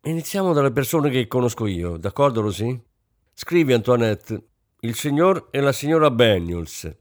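A man reading an audiobook, voicing a blunt, self-satisfied middle-aged businessman who talks gruffly and offhandedly. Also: medium pitch, sing-song, normal speed, dry recording, clean studio sound, natural voice. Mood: offhand. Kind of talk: audiobook character voice.

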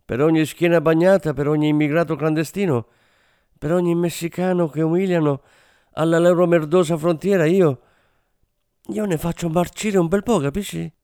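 A drugged, hate-filled smuggler rants in a raised, strained voice, as a male narrator puts him on. He stumbles and repeats himself, bitter and broken, and his tone stays dark. The sound is dry and close. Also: fairly high pitch, steady tone, moderate pace, smooth, no room sound, pitched above the performer's own voice, close to an everyday voice. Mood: bitter, ranting. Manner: ranting, hateful, broken. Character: drugged, bitter Latin American drug smuggler, man.

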